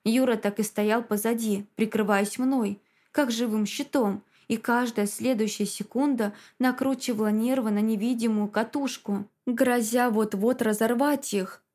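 A woman's voice: fairly high pitch, fairly even intonation, unhurried, darkish tone. A woman reading a dramatic first-person audiobook story in a tense manner. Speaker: audiobook narrator.

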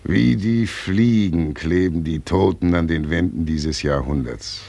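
A man's voice: low-pitched, creaky, mellow, full character voice. An actor playing Death as a fat, well-fed male figure, smug and cynical, in a 1940s radio drama. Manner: gloating, slow and grim. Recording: dull old radio recording.

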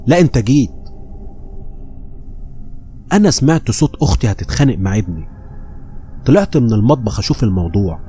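A man with an Egyptian accent reading horror stories aloud, telling them at a steady pace and voicing the people he quotes. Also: lowish voice, rapid-fire, faint music behind. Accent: Egyptian Arabic. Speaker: horror story narrator. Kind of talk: scripted horror story narration.

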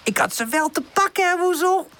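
A woman voicing a mischievous little puppy boy who shouts gleefully. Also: extremely high pitch, expressive, a little fast, a little hiss or hum, voice pushed up. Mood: cheeky.

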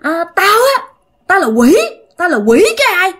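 Brief: hungry possessing demon, small-boy voice, shrill and defiant, played by a woman storyteller. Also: sing-song, measured pace, fairly bright tone, full character voice.

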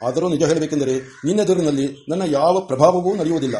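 Deferential, scheming male god-king, read by a man, polite, a bit high-pitched. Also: fast, mellow, a little hiss or hum, natural voice. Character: humble, secretly scheming male king of gods. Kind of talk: audiobook character voice.

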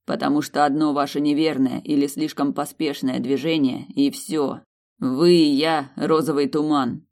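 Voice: mid-range voice, little pitch movement, moderate pace, a little mellow, natural voice. A reader voicing a stern vampire man who gives firm orders and curses under pressure.

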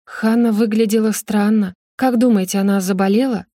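A woman's voice: medium pitch, steady tone, moderate pace, dark tone, no echo, clean studio sound, close to an everyday voice. Brief: a woman reading a shy, hesitant young kitchen girl, storybook. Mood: timid. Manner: timid, hesitant. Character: timid young cook's helper girl.

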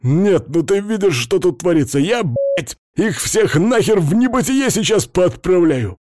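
A man voicing a furious, hysterical male hamster-like alien who yells shrilly and swears. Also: expressive, normal speed, lightly acted. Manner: shrill, hysterical, foul-mouthed yelling.

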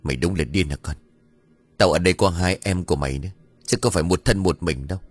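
A man voicing a grieving older village father, gruff and weary as he scolds his son. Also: deep voice, quick pace, no echo, soft background music.

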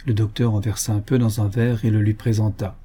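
A man reading a classic novel aloud as an audiobook narrator, with measured, steady storytelling. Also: fairly low pitch, breathy edge. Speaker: audiobook reader.

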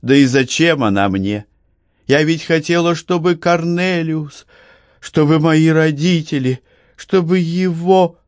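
A woman's voice: low voice, slow, a little mellow, dry recording, pitched above the performer's own voice. A frightened young woman, as a male narrator voices her, speaks in a raised, strained register well above his own. She sounds urgent and near tears throughout. The recording is dry and close, like a storybook reading. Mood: tearful. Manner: urgent, breathless pleading. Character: distraught young woman fleeing Romans.

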